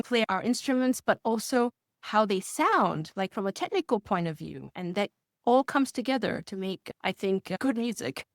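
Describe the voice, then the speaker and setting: With a mid-range voice, a woman who studies on a music course talks about her experience in a testimonial. Chuckling frequently and sounding enthusiastic, she answers interview questions conversationally, and the studio sound is clean with no room noise.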